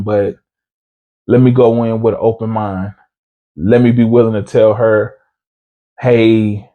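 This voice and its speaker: A man with a low, mellow voice delivers a motivational podcast monologue. He speaks earnestly and repeats himself for emphasis. He keeps his delivery fairly even and often turns to the listener with a casual check-in. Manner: earnest, repetitive, conversational, often asks "you know what I'm saying?". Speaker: podcast host.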